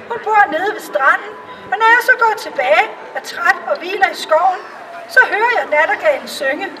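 A woman voicing an eager little poor kitchen girl in a storybook reading, with high excited exclamations. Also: distant mic, a little hiss or hum, exaggerated voice.

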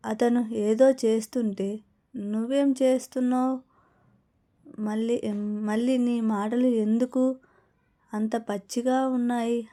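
Lady doing an anxious nosy mom in a story, quick questions, soft dark voice. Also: on the high side, steady tone. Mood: probing. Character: worried, probing middle-aged mother. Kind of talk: storytelling role-play.

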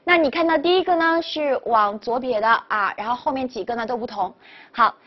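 A woman teaching French pronunciation in a video lesson, upbeat and quick to praise, repeating each model word. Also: fairly high pitch. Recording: dull lo-fi recording.

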